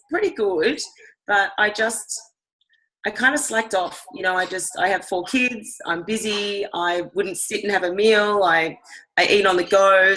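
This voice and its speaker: A woman with a husky, hoarse voice giving a casual, rambling testimonial over a video call, with many ums. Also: medium pitch, bright, forceful tone, low-quality recording. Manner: rambling, chatty, with frequent ums. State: hoarse from teaching classes all day. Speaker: guest sharing a product story.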